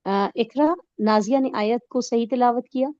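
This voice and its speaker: A woman's voice: fairly high pitch, a little mellow, no room sound, dull audio. A woman teaching an online recitation class, explaining rules patiently with everyday examples and checking that her students follow.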